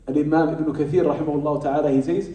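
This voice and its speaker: Man, religious lecturer, fairly high voice, mellow tone, emphatic, rhetorical questions. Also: steady tone, quick pace. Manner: emphatic, repeats key phrases, rhetorical questions. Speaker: Islamic teacher. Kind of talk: lecture to a live audience. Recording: roomy hall, speaker far from the mic.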